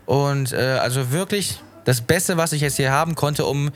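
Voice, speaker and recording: Hungover young man, higher-pitched, rambling. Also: normal speed, faint music behind. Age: young adult. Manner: rambling, slangy. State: hungover with a headache. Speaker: podcast co-host. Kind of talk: casual podcast chat.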